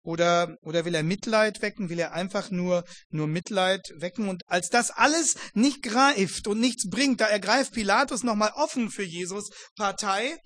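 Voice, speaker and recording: Preacher, male, high voice, dry close sound; sermon delivery full of rhetorical questions and restarts. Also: moderate pace, hardly any pauses, a bit bright, dry recording. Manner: rhetorical questions, frequent word repeats; addresses listeners formally. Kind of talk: sermon expounding a Bible passage.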